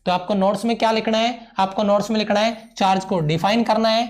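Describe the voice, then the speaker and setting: A man teaching a live online physics class, repeating each point and gently calling his students "beta". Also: high-pitched, fairly even intonation, brisk. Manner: mixes English terms into Hindi.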